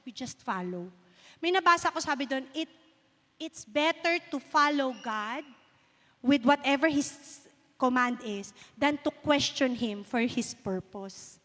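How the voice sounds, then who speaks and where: High-voiced Filipino woman preaching in a hall. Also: lively intonation, slow pace, bright, forceful tone. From Philippines. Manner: storytelling, mixing Filipino and English, asks the congregation "di ba?". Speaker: pastor. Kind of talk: sermon. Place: church sanctuary. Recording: long reverb of a hall.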